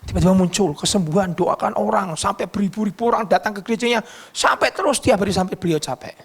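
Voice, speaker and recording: A man preaching a sermon as pastor, telling stories in an animated, emphatic way. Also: high voice, fast, breathy edge.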